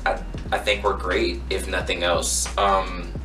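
A man in his twenties from Maryland, giving frank, reflective interview answers that turn animated when he argues a point. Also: sits low, slow. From Maryland, USA. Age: 20s. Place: room with yellow backdrop. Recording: echoey room, distant mic, faint music.

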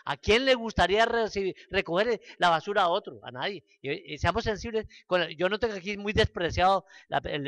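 A Puerto Rican man leading a church Bible study, telling stories lively with acted-out quotes and rhetorical questions. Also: sits high, no room sound. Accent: Puerto Rican Spanish. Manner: lively storytelling, acts out quotes, rhetorical asides. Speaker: Bible class teacher.

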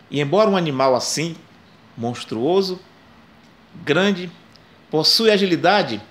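An older Brazilian man telling a jungle legend in a slow, dramatic way, with long pauses and rising emphasis, recorded close on a phone in a small room. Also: fairly high pitch, fairly bright tone. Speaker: storyteller. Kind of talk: oral storytelling of a legend. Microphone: phone camera close to face.

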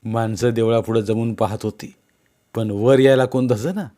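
A man reading a novel aloud as an audiobook narrator, in measured storytelling. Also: mid-range voice, fairly even intonation, dark tone. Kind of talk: scripted narration.

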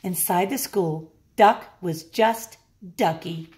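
A woman teacher reading a picture book aloud with expressive, playful storytelling. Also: fairly low pitch, slow, slight background noise. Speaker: music technology teacher.

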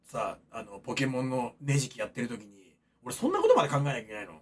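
Husky animated man chatting on stream. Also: medium pitch, fast. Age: 30s. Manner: rambling, joking, mocking chat comments. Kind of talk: casual stream chat.

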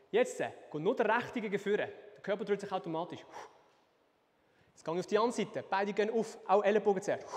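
A man's voice: sits high, a little mellow, big-room sound. A young man teaching a live online dance class, counting beats aloud and scatting the rhythm as he demonstrates. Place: dance studio.

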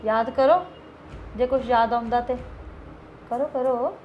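A woman's voice: on the high side, steady tone, measured pace, dull audio, noisy background, close to an everyday voice. A young woman playing a defiant, self-centred daughter-in-law who argues back in a family drama skit. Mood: accusing. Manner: argumentative, talking back.

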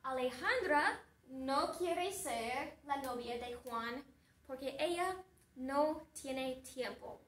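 A woman teaching a Spanish class, telling a story slowly and stopping to quiz the class and recap. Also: high voice, a bit bright, roomy sound, distant mic. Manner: slow and deliberate, asking the class questions and recapping. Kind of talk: slow storytelling lesson for a class.

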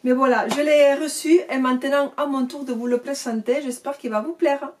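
A woman's voice: sits high, steady tone, normal speed. A woman with a non-native French accent chatting casually as she unboxes and reviews an oracle card deck. She gushes and keeps repeating her praise.

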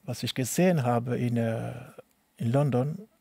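A middle-aged man from Cameroon telling his life story in an interview, speaking halting, non-native German with many restarts and repeated words. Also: mid-range voice, vocal fry, dark tone, husky, no echo. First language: not German. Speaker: interviewee, tennis coach. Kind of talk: personal testimony interview.

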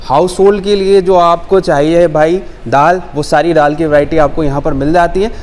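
A man's voice: on the high side, fairly even intonation, normal speed, a little mellow, big-room sound. A young man hosting a promotional vlog, upbeat and salesy, talking to viewers as friends in a large warehouse. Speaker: vlogger host.

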